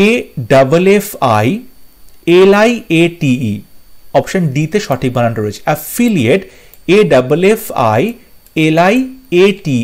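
A man's voice: fairly high pitch, darkish tone. Man spelling words out letter by letter. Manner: addresses students directly. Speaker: English teacher. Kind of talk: exam-prep spelling lesson.

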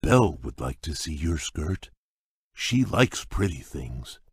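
Gentle, shy beast prince for a game: rumbling, husky, slow, formal, dry studio sound. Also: male voice, very animated, no room sound, full character voice. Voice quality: very deep and husky. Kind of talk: video game voice lines.

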